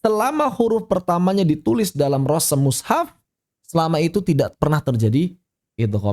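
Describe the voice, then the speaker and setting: Guy teaching tajwid online, kinda high voice, patient, repeats the rules, recites examples. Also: vocal fry, darkish tone. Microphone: online class audio.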